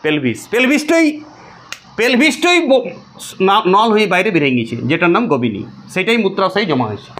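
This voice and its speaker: A man's voice: very animated, fairly bright tone. A man teaching biology to a class, drilling his students with repeated questions and answers in an insistent way. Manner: quick, high-pitched and insistent.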